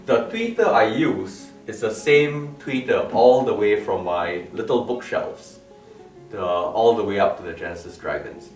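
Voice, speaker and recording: Slightly low, darkish, and a bit slow, this man's voice has lively intonation as he gives an informal talk on his own loudspeaker line. He explains emphatically, repeating words and asking rhetorical questions. The mic is distant in a roomy, medium-sized living-room-like space, with plucked lute music behind him.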